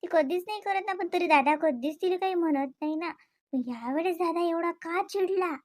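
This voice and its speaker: A woman's voice: very high-pitched, normal speed, no room sound, studio quality. A woman plays a wife in a domestic comedy skit. She complains with worry and pushes her point with heated insistence. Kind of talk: scripted domestic comedy dialogue.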